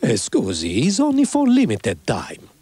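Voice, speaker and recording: An actor playing a food-loving pitchman in a television advert. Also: huge pitch swings, a little slow, mellow, faint music behind. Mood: savouring, playful.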